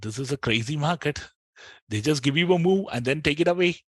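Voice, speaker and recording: A man with an Indian accent commentates live on the markets. His voice sits a little higher than average for a man, and the sound is dry, with no room echo. He speaks conversationally to his viewers and repeats phrases for emphasis. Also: expressive, a little fast. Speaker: live trading streamer.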